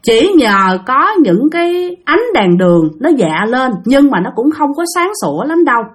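A woman's voice: high-pitched, big pitch swings, moderate pace. Chatty Southern Vietnamese woman storyteller. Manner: chatty, addresses listeners directly. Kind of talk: spooky-story narration to listeners.

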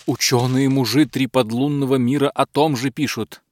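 A man's voice: medium pitch, fairly even intonation, moderate pace, natural voice. A man voicing a scheming, fawning male court butler who whines and pleads. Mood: wheedling. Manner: pleading, wheedling.

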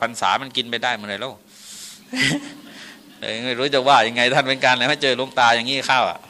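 A Thai Buddhist monk giving a folksy dharma sermon with laughing asides and chanted Pali verses. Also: male voice, mid-range voice, sharp tone, clear, resonant tone.

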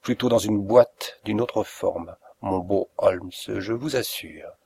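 A man voicing a cruel, mocking middle-aged villain in an audiobook reading, with a gravelly, husky voice and a slow, deliberate delivery. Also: on the low side, dark tone, heavily acted. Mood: gloating. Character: cruel sneering male planter, middle-aged, gloating.

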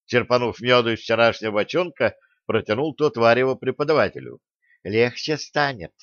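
A man's voice: mid-range voice, a little fast, fairly bright tone, no room sound. Man narrating a story, dry sound. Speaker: audiobook narrator. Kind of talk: scripted narration. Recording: dull dry recording.

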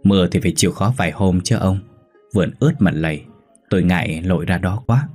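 Vai bà vợ quê lo lắng, lắp bắp khi sợ, một nam giới đọc truyện đảm nhận, giọng khàn. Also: male voice, sits low, a little fast, darkish tone, slightly rough, soft background music. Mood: fussing. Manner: anxious, stammering when scared. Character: worried older village wife, anxious, fussing.

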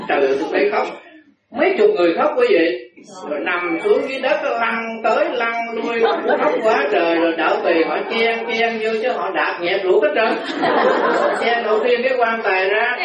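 A man, a Buddhist monk giving a dharma talk, telling folksy anecdotes and acting out voices with laughter. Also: high-pitched. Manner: folksy storytelling, acts out voices, frequent laughter. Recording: echoey, distant, muffled hall recording.

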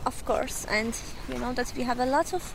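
A woman's voice: sits high, moderate pace, vocal fry. A young woman from Iran speaking simple English and learner Norwegian, searching for words as she goes. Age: young adult. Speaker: refugee and journalist. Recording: noisy field recording.

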